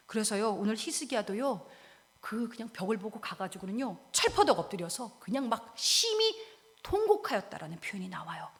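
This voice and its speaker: A woman pastor preaching a sermon, dramatic, dropping to hushed whispers and rising to loud cries while she asks the congregation direct questions. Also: medium pitch, sing-song, a little fast. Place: church sanctuary. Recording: long reverb of a church hall.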